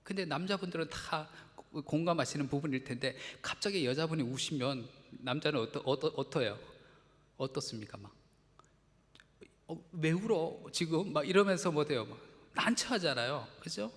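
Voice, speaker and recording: Pastor guy preaching, chatty, acts out little quotes, kinda high voice, long church reverb. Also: expressive, fairly quick, a bit bright. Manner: conversational preaching with acted-out quotes. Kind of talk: sermon. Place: church sanctuary.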